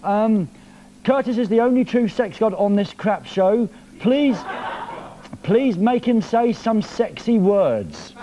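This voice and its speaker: A man hosts a live television music show in a studio, reading out viewer messages with a jokey, playful edge. His voice sits high and swoops around animatedly. A faint hiss of noise lies under it. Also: very animated, slow pace, dark tone, lo-fi sound.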